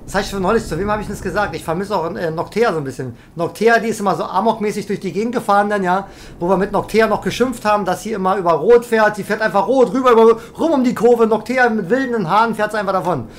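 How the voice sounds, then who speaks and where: Talking fast at a medium pitch, a woman streams a truck driving game and reads her chat, ribbing viewers with rambling mock indignation as she gives live commentary.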